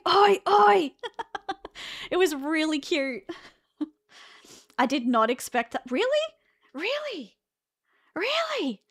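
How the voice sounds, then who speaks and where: A woman in her thirties with an Australian accent, talking to her live-stream chat in a relaxed, chatty way. Her voice sits a little high for a woman. She laughs a lot and often restarts her sentences mid-thought. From Victoria, Australia.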